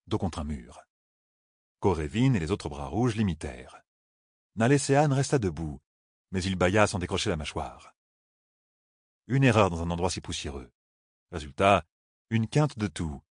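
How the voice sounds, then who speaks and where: A man narrating a fantasy novel as a steady audiobook reader. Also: low-pitched, slightly rough, no room sound, studio quality. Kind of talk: scripted narration.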